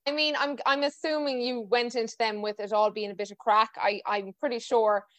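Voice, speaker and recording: A woman with a west of Ireland accent chats casually as a podcast host. Her voice sits a little high, and the sound is fairly dry and close. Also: fairly even intonation, brisk, a bit bright, no room sound. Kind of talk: casual conversational interview.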